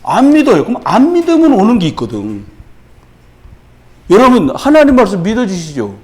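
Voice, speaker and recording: A pastor preaching a Friday evening sermon, animated, shouting out acted-out quotes and dropping to a hush, chuckling through his own stories. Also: high-pitched, normal speed.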